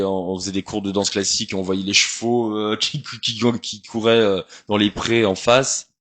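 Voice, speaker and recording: Man in his thirties with a lowish voice, a performer recounting his career in a relaxed interview, rambling and full of hesitations. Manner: chatty, rambling, hesitant with many fillers. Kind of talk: casual storytelling interview.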